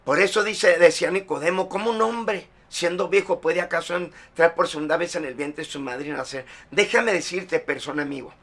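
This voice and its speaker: Bright-voiced male pastor preaching. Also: a little high, a little fast, few pauses. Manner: testimony-style preaching, frequent "amén". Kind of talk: sermon.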